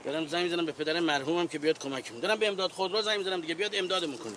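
A man's voice: a little high, a crowd in the background, close to an everyday voice. An actor playing a hot-tempered, blustering mechanic and father who scolds and grumbles. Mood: grumbling.

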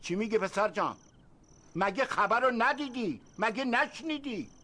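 An actor playing a stern older village elder who lectures the young men, in a radio drama. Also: male voice, high voice, lively intonation, bright, forceful tone, heavily acted. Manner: lecturing, calls others "son". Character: stern old village elder, anxious about war.

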